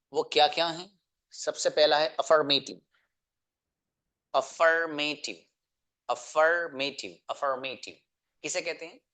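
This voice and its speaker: A man's voice: medium pitch, fairly bright tone. A man, teaching an online class. He explains patiently and repeats himself, asking his students question after question. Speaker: English teacher.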